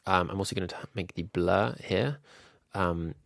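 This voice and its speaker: A man with a low, gravelly voice, sounding nasal and slightly ill. He thinks aloud in an easygoing way, full of little ums, as he walks viewers through a design tutorial. The recording is dry and close to the mic. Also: normal speed, fairly bright tone, dry recording. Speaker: YouTube growth coach.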